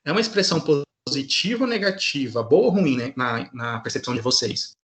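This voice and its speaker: A man's voice: mid-range voice, very animated, a little fast, a bit bright, roomy sound. A man teaching an English class online in a patient way, often checking in with his students.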